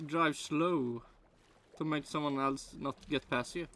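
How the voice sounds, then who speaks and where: Reacting to a video on stream, a native Swedish speaker from Sweden rambles in accented, broken English with many restarts. He speaks unhurriedly in a sharp, fairly high voice, with slight background noise.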